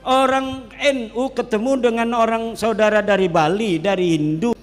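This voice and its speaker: High-voiced cleric lecturing in an echoing hall. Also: male voice. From Banten, Indonesia. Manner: lively and joking, switches between regional languages. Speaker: Islamic cleric. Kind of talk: religious lecture to an audience. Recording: hall reverb.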